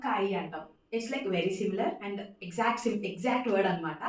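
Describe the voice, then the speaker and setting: A woman teaching a casual spoken language lesson, repeating words slowly for pronunciation and mixing in English phrases. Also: mid-range voice. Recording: echoey room, distant mic.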